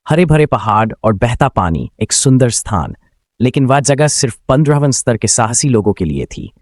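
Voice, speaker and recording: Expressive male story narrator. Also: mid-range voice, no echo, studio quality. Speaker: comic recap narrator. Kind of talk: scripted narration.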